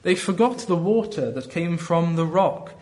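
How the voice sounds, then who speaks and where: A man with a Welsh Valleys accent preaching a sermon in an earnest, deliberate way, often posing rhetorical questions. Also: on the high side, expressive, a little mellow. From South Wales valleys.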